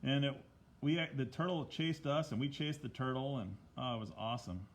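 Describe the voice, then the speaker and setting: A man in the middle pitch range talks loosely through a live drawing lesson, recorded on a tablet microphone. He chats with viewers by name as he goes. A faint hiss sits under the voice. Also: fairly quick. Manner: chatty, greets viewers by name mid-lesson.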